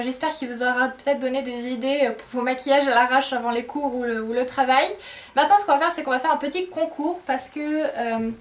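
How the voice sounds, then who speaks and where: A woman's voice: high-pitched, recorded from a distance. A woman beauty vlogger chatting casually to camera, hesitant and filler-heavy.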